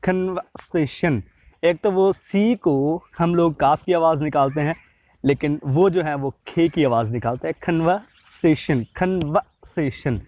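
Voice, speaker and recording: Man teaching pronunciation, lo-fi audio. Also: fairly high pitch. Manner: slows to sound out example words. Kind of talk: explanatory lesson. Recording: dull lo-fi audio.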